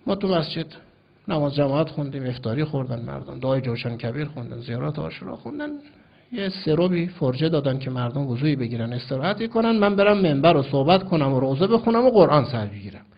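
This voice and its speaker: A man's voice: fairly high pitch, very animated, creaky. A man from Iran, a cleric telling a story in a sermon, emphatic and acting out the dialogue. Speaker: cleric preacher. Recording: dull lo-fi recording.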